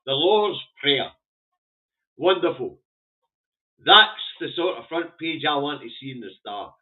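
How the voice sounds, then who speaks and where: A man's voice: fairly high pitch, big pitch swings, a little slow. Blunt Scottish man on a phone-like recording. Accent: broad Scottish. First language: Scots. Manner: blunt, sweary, rambling. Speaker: vlogger reviewing the day's newspaper front pages. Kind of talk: casual opinionated commentary. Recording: muffled phone-like narrow-band audio.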